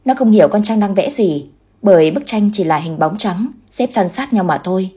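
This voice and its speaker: Dark husky woman narrating a ghost story. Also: medium pitch, animated, moderate pace.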